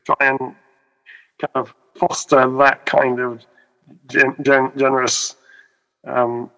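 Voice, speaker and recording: Croaky man with a cold. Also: medium pitch, little pitch movement, slow pace, a bit bright, dull audio. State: has a cold. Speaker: podcast co-host. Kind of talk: casual panel chat over video call. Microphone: video call.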